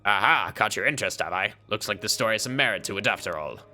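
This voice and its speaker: A man's voice: fairly low pitch, lively intonation, quick pace, bright, forceful tone, soft background music, pitched below the performer's own voice. A man voicing a greedy, scheming man obsessed with mermaids and immortality, with a smug, taunting manner, as a streamer dubs a game.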